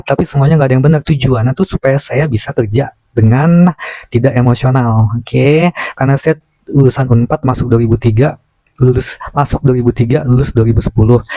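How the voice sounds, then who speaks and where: A man's voice: medium pitch, dark tone, dry recording. A forty-year-old man with a speech impediment on his R, chatting casually and personally to his followers as a content creator, sometimes hard to follow. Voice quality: speech impediment on R, cannot pronounce r properly. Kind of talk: casual confessional chat to followers.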